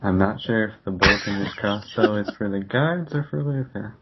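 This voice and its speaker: Deep-voiced man, slow tabletop player. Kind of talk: casual tabletop play. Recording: dull lo-fi with faint noise.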